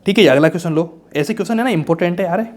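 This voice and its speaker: In a quick, informal exam-prep lecture, a young male chemistry teacher with a slightly high voice raises questions and answers them himself. He keeps a colloquial, reassuring tone and calls his students bhaiya and raja.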